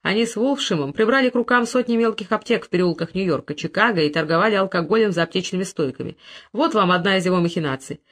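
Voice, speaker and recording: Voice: mid-range voice, quick pace, fairly bright tone, lightly acted. A reader voicing Tom, a domineering rich husband who speaks aggressively and with contempt in an audiobook. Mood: scornful.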